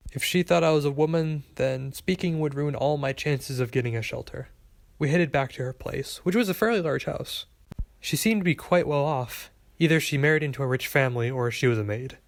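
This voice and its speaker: Gravelly man reading an audiobook. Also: mid-range voice. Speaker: audiobook narrator. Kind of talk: first-person audiobook narration.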